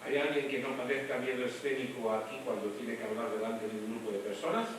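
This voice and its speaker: A man teaching a voice class, lively and demonstrative, speaking straight to his students. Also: mid-range voice, fairly quick. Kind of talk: classroom lecture. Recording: echoey room, mic from far off, noisy.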